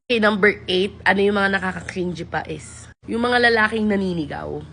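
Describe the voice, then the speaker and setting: A woman's voice: mid-range voice, fairly bright tone, a little hiss or hum. Sassy woman vlogger, exasperated Taglish. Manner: mocks men's lines in a teasing voice. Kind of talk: casual talk to camera.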